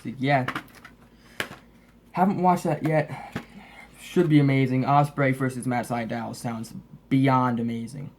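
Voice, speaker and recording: A man hosts a casual show-and-tell in a loose, rambling way. His braces give him a noticeable lisp, and he sounds a bit sniffly from being under the weather. His pitch sits in the middle for a man. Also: fairly even intonation, measured pace, long pauses, darkish tone, slight background noise. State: slightly sick, sniffly. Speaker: host of a wrestling DVD collection update.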